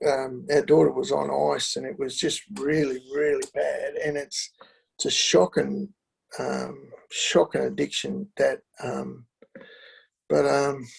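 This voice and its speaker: A middle-aged man telling his family story in an interview, halting and candid, with many fillers and restarts. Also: mid-range voice, level tone, vocal fry, slightly rough, rough recording. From Australia. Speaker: interview guest.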